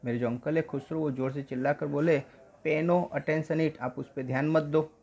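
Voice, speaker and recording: A male teacher explaining an English story in Hindi, reading the English lines slowly and then explaining them in mixed Hindi and English. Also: mid-range voice, fairly even intonation, darkish tone, breathy edge.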